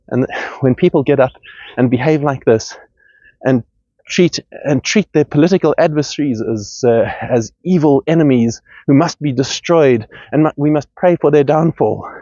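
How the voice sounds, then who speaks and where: With a mellow, mid-range voice and no room sound, a man hosts a podcast and launches into an impassioned monologue, heated and earnest. As he gets worked up, his words repeat and his sentences restart often. The sound is dull and lo-fi.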